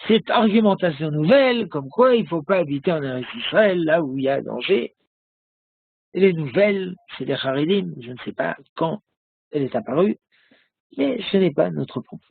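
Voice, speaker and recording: Rabbi guy giving a class, slow and gravelly, tinny phone-like sound, lots of umms. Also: a little high, lively intonation. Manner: slow storytelling with many hesitations. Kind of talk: recorded religious lesson.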